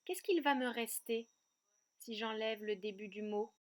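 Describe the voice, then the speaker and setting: A woman teaching a remote kindergarten lesson, speaking slowly and clearly and breaking words into syllables. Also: a little high. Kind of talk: remote lesson for young children. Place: outdoor terrace at night.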